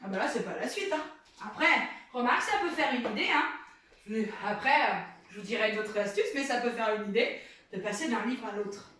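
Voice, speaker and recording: Mom showing games at home, cheering her kid on, high voice, a bit far from the mic. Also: lively intonation, brisk, a bit bright. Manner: encouraging, coaching a child along. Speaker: mother demonstrating children's games. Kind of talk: casual how-to demonstration for viewers. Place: home indoors, small space. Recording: very echoey room, distant mic, faint noise.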